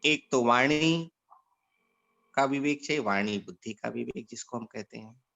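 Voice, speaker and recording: A man's voice: gravelly, a bit bright, lo-fi sound. A man from India giving an instructive talk to volunteers and telling short parables as he teaches. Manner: storytelling, varies pitch widely, slow deliberate delivery. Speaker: organisation leader giving guidance to volunteers.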